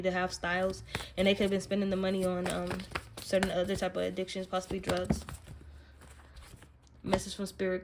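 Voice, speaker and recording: Over a noisy background, a woman with a mid-range voice hosts her channel's casual tarot reading. She talks straight to the listener, using emphatic slang and swearing freely.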